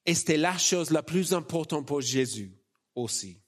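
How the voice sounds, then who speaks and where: A man with an Australian accent in French, a native English speaker, preaching in an informal, self-deprecating and halting conversational way. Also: on the high side, animated. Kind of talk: sermon, conversational and personal.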